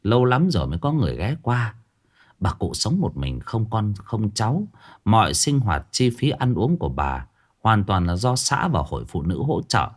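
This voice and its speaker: A man's voice: on the low side, big pitch swings, normal speed. Male ghost story narrator.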